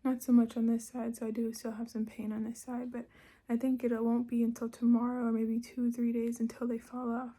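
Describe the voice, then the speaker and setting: Woman with thick, swollen-tonsils voice, breathy. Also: fairly high pitch, monotone, a little fast, hardly any pauses, warm tone. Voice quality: thick, muffled throaty voice as if from swollen tonsils, often breathy and near-whispered. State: sore swollen throat after tonsil surgery, effortful and tired. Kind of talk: personal recovery video diary, casual talk to camera. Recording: clear background noise.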